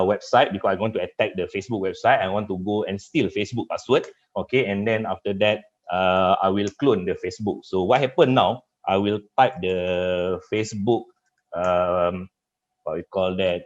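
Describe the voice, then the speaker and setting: A cybersecurity trainer, a deep-voiced man whose native language is Malay, speaks with a Malaysian accent while leading a live software demo in an online webinar with screen share. He talks haltingly, leaning on repeated filler phrases. The audio is dull and muffled.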